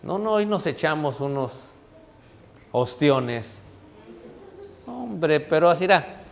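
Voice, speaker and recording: Preacher joking in echoey hall. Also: male voice, fairly high pitch, lively intonation, measured pace. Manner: storytelling, laughs at own jokes, addresses congregation. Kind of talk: humorous sermon with anecdotes.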